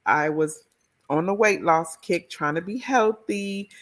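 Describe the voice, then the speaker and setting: Middle-aged woman from the dc area, chatty and expressive, a bit low-pitched. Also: takes it slowly. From Washington, D.C. area. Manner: expressive, animated storyteller. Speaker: author and educator. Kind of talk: interview storytelling.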